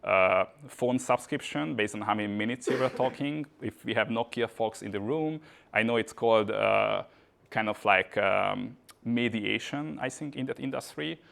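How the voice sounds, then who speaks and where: A man's voice: on the low side, moderate pace, creaky, fairly bright tone. A man from Hungary, giving a casual tech meetup talk with frequent "uh" and "kind of" fillers. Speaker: conference speaker. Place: meetup venue.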